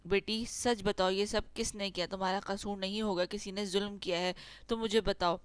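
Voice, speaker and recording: A woman's voice: mid-range voice, steady tone, smooth, no echo, lightly acted. A woman voicing a worried mother who pleads with her daughter in an anxious tone.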